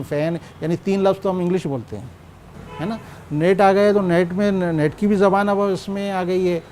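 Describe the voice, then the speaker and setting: A man's voice: sits high, darkish tone, a little hiss or hum. A man who speaks thoughtfully in a documentary interview recorded in an indoor room, with small restarts as he talks.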